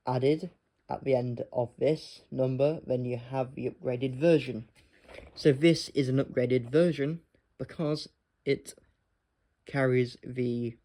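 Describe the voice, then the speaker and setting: Slow-paced, mellow man reviewing an item. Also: mid-range voice. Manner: halting, spelling out details piece by piece. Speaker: product reviewer. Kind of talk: casual explanatory review.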